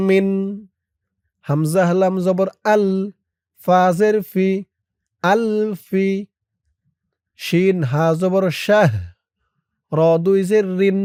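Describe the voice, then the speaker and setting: A man teaching Quran reading in Bengali style, spelling each syllable slowly and then chanting the words drawn out. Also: sits high, mellow, clear, resonant tone, no room sound, clean studio sound. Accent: Bangladeshi Bengali. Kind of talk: letter-by-letter Quran reading lesson.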